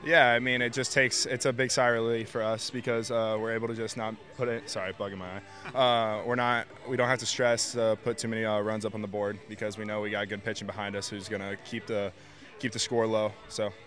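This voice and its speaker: A young man, a college baseball player, answering postgame questions outdoors on a field into a handheld mic, halting with many fillers. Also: lowish voice, flat delivery, a bit bright. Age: young adult. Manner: halting, lots of fillers, trails off with "so". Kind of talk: postgame interview. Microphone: handheld mic held by interviewer.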